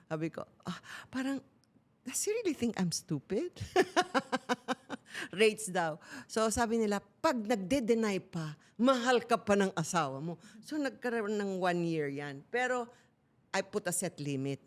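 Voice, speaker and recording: A woman's voice: medium pitch, big pitch swings, measured pace. Candid middle-aged woman, talk-show co-host, shares a personal story in casual chat. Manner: candid storytelling, mixing Tagalog and English.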